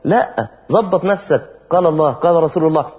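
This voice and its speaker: A man preaching with an Egyptian Arabic accent, talking casually and lively, then slowing down to chant verses in a melodic tone. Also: fairly high pitch. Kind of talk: sermon. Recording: dull sound with long hall reverb.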